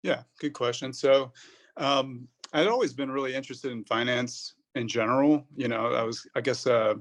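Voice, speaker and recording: A pharmacist in his thirties, appearing as a podcast guest, answers casually but rambles, with plenty of fillers and restarts. His voice is mid-range and his pace moderate.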